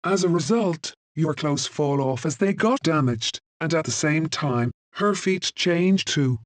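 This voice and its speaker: A man reading a scripted second-person story in a steady, even way. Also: on the high side, unhurried, no echo. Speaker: narrator.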